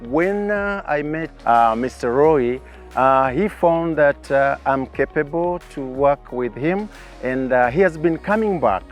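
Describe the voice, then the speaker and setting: A man's voice: fairly high pitch, expressive, a little slow. A man from Tanzania who organizes safaris, answering interview questions hesitantly with many fillers. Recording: faint music behind.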